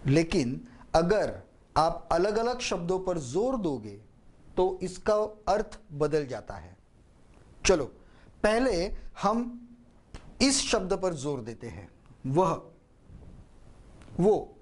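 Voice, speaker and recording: A man gives a spoken lesson as a public speaking trainer. His fairly high voice moves through a wide, animated range, and he talks at an unhurried, measured pace while he demonstrates word stress. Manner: slow, deliberate, demonstrates stress on words. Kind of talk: spoken lesson on speech emphasis.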